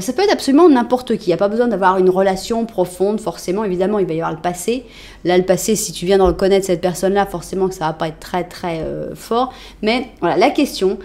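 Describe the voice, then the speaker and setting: A French woman talks her viewers through a tarot spread in a loose, friendly way. She muses aloud, jokes a little and fills her pauses with small hesitations. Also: medium pitch, darkish tone. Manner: chatty, playful, thinking aloud with fillers. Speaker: tarot reader. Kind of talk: casual tarot reading to camera.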